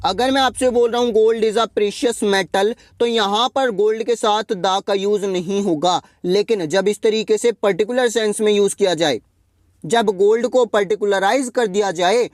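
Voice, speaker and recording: A man teaching an English grammar lesson for exam preparation, asking questions and answering them himself, repeating key points and reading example sentences slowly. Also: high-pitched, dry recording, studio quality.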